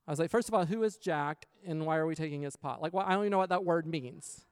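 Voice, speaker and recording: A man sharing a personal testimony in a casual storytelling sermon, animated and acting out quoted lines. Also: fairly high pitch, quick pace, smooth, no echo.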